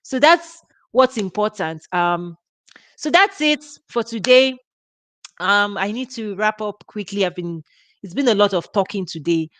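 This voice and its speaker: Speaking with a Nigerian accent, this woman hosts a ministry and delivers a casual teaching talk full of laughs and restarts. She has a medium-pitched, fairly bright, expressive voice at a measured pace, with no echo.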